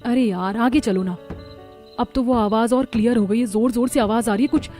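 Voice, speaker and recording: A woman voicing a frightened young woman camping with friends in a cartoon, excitable and anxious. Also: a little high, normal speed, soft background music, lightly acted. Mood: chatty. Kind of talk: cartoon voice acting.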